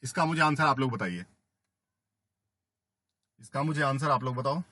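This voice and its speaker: A man teaching math in a classroom lecture, often asking "है ना?" to check understanding and gently teasing students. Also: medium pitch, expressive, normal speed, dry recording. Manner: coaxing, asks "है ना?" and "ठीक है?" after each step; playful teasing of students, calls them बेटा. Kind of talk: classroom lecture mixing Hindi and English.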